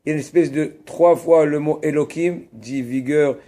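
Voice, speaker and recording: A man's voice: on the high side, normal speed, dark tone. A man rabbi teaching a religious text, asking and answering his own questions and stressing Hebrew terms. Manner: casual asides to students.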